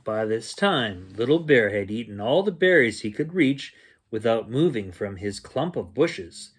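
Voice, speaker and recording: Husky, animated man reading a bedtime story. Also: mid-range voice, measured pace. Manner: expressive, acts out sounds and dialogue. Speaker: storyteller reading a children's picture book.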